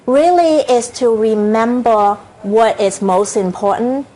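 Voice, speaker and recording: A middle-aged Hong Kong woman, an author and inspirational speaker, appears as a guest on a TV interview and talks earnestly but haltingly, full of fillers and restarts. Her voice sits on the high side, mellow with lively intonation and a Hong Kong accent, though the recording is rough.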